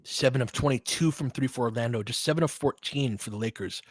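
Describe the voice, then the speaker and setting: A man calls a basketball game live, a little fast, with a medium-pitched voice that has a breathy edge and no echo. He speaks in clipped phrases as the play-by-play commentator and adds casual, fan-like asides between plays.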